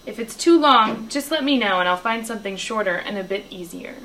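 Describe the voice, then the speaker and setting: A woman reading a children's novel aloud, telling the story in a lively way and raising her voice for the characters' lines. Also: brisk, slight background noise, poor audio. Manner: lively storytelling, lifting her pitch for dialogue. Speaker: reader.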